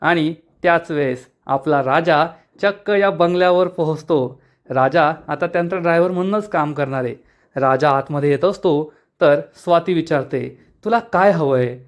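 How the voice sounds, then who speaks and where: Man retelling a TV episode. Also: a little high. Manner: brisk storytelling with personal asides. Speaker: serial recap narrator.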